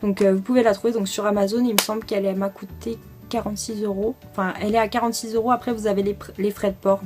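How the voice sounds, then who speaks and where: A woman's voice: mid-range voice, little pitch movement, racing, over music. A young French woman chatting casually through a makeup product review, enthusiastic and full of fillers. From France. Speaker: beauty vlogger.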